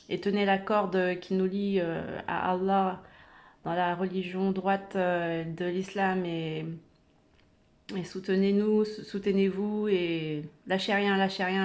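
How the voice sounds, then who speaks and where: This religious video creator, a woman whose first language isn't Arabic, gives an informal spoken religious exhortation. Her voice is medium-pitched and a little mellow, and she sounds earnest yet hesitant, with many fillers and restarts.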